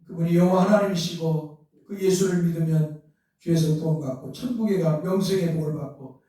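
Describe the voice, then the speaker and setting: A man's voice: fairly high pitch, brisk, warm tone. A man preaching a sermon as pastor, asking rhetorical questions and building to emphatic outbursts. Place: church sanctuary. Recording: very echoey church hall, mic from far off.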